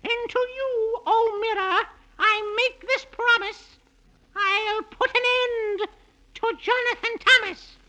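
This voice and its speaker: A woman's voice: extremely high pitch, steady tone, slow pace, bright, forceful tone, exaggerated voice, rough recording. A woman playing a wicked, vengeful old witch who chants her spells theatrically in a 1930s children's radio serial. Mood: gloating, vengeful. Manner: theatrical, incanting in rhyme.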